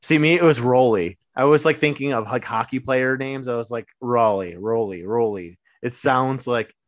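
A man's voice: mid-range voice, steady tone, moderate pace, no room sound. A man from the United States co-hosting a podcast, easygoing and reacting with short quips as he plays a quiz. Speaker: podcast co-host, quiz contestant. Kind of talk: casual chat.

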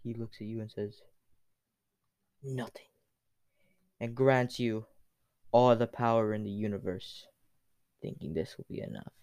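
A man's voice: lowish voice, expressive, normal speed, darkish tone, clean tone, dry recording. A man telling a second-person story in a casual, unscripted way, with fillers.

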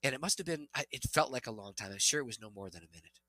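A middle-aged man, a pastor and interview guest, telling an earnest, animated testimony. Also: mid-range voice, rapid-fire, no echo, low-quality recording. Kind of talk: interview storytelling.

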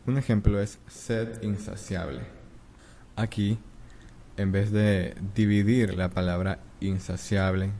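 A man narrating a scripted lesson in a clear, measured, explanatory way. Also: fairly low pitch, mellow, a little hiss or hum. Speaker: teacher.

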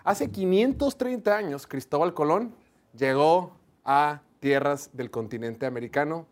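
A man with a northern Mexican accent hosting a live sports talk show, announcing in a booming, drawn-out opener style. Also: expressive. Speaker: show host.

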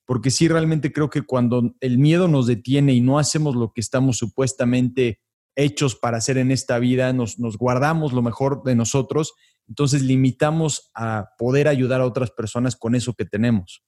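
Male interviewer, mellow tone, halting delivery, frequent word repeats. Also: medium pitch, steady tone. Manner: hesitant, repeats words as he builds questions. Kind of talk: interview questions.

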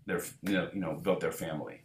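A man's voice: low-pitched, fast, gravelly, echoey room, slight background noise. A man from Israel who leads a band, talking at length in a casual interview with many fillers and restarts. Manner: relaxed, rambling, many fillers. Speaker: band leader.

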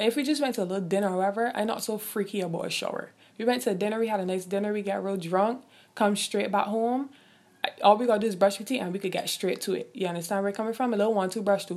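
A young woman with a Barbadian accent hosts a casual solo podcast. She talks bluntly and swears freely, working herself into animated rants. Her voice sits at an ordinary middle pitch for a woman. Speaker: podcast host.

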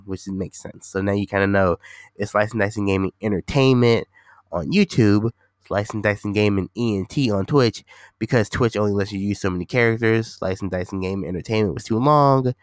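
On his casual solo podcast, a low-voiced man with a clear, resonant tone rambles and repeats himself, and nothing echoes in the recording. He's a gaming streamer who is a bit sick, so his voice sounds nasal and congested.

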